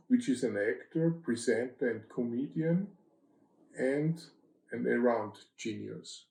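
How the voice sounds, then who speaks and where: A man's voice: medium pitch, vocal fry, warm tone, reverberant, rough recording. An older man from Austria, a guest in an interview, answering in terse, clipped, list-like phrases.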